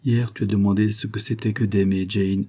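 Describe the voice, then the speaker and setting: A man's voice: fairly low pitch, flat delivery, a little fast, dark tone, lightly acted. A man playing an ardent young lieutenant in love in a storybook reading, speaking fervently and pleadingly.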